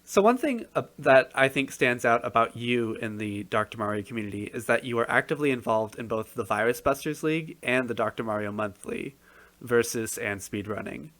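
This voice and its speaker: A man hosting a podcast, asking a guest measured, friendly questions with the occasional filler. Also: mid-range voice, expressive, fairly bright tone. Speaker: podcast host. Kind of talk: interviewing a guest.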